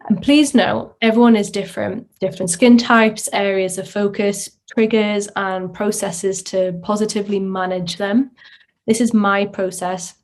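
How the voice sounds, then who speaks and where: Woman host on a low-quality mic. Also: darkish tone. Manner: chatty, with many filler ums and restarts. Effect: low-quality microphone audio. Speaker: podcast host. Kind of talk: casual solo podcast talk.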